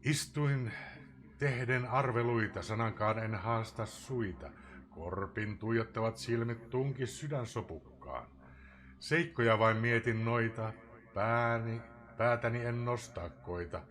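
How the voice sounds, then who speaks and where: A man giving a dramatic poetry recitation, swinging between loud outbursts and hushed whispers. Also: mid-range voice. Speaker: live streamer reading a poem.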